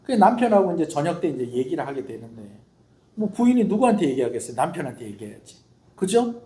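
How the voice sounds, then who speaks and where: A middle-aged man preaching a sermon as a pastor, lively, swinging between loud bursts and hushed asides. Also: on the high side, fast talker. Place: church. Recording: echoey church hall.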